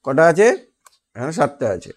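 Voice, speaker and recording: A man's voice: medium pitch, expressive, moderate pace, background noise. A man teaching an online math lesson, patiently asking questions and answering them himself. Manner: patient, asks and answers his own questions. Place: online class on a video call.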